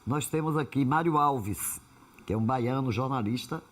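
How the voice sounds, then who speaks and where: A man's voice: medium pitch, normal speed. A man in an interview, explaining as he lists names one by one.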